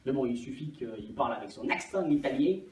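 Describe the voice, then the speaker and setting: A man playing a deadpan shop manager, echoey. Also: medium pitch, brisk, lightly acted. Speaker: store manager in an improvised sketch. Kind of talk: improvised comedy sketch. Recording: echoey room recorded from a distance, noisy.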